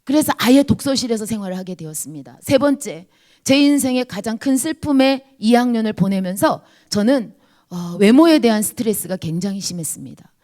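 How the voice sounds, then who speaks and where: A woman, a pastor's wife, giving an earnest, confessional testimony to a church congregation. She speaks to the listeners directly and sometimes drops to a hushed whisper. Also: animated, a little fast. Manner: earnest confessional storytelling, dropping to a hushed whisper at low points.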